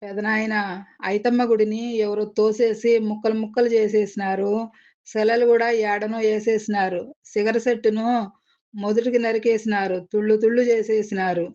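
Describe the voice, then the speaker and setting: Woman reading as a young village guy, out of breath, rushing his words, kinda dull lo-fi sound. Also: mid-range voice, little pitch movement, dark tone, lightly acted. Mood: urgent. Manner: urgent, rushed. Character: breathless young village man bringing bad news.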